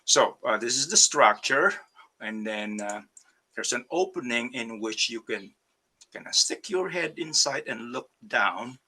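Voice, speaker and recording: An Indonesian ceramic artist gives a hesitant virtual artist talk over a video call, presenting slides of his work with many fillers and restarts. His medium-pitched voice is animated, sharp in tone, slightly rough, and measured in pace.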